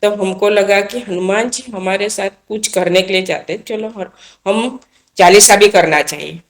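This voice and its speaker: A woman's voice: medium pitch, a little slow. A woman guest telling a personal devotional story in an earnest, casual way, often repeating and restarting her phrases as she goes. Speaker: guest recounting a devotional experience.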